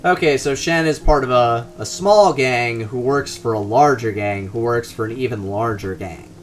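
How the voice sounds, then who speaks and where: A man's voice: mid-range voice, moderate pace. A man hosting a game playthrough, reading the game's descriptive text aloud with casual asides. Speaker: let's play host reading game text.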